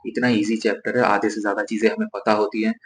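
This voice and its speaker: A young man talks through exam preparation in a casual, direct coaching manner, repeating key instructions. His voice is low and fairly flat. The recording has a roomy echo and faint background noise. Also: quick pace. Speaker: study tips presenter for board exams. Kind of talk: casual exam-prep advice to camera. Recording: echoey room with faint noise.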